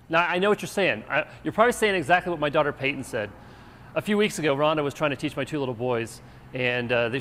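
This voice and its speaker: A man preaching as pastor and show host, telling stories with animated emphasis. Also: medium pitch, a little hiss or hum. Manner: animated storytelling, lively and emphatic. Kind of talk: energetic sermon. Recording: echoey church hall.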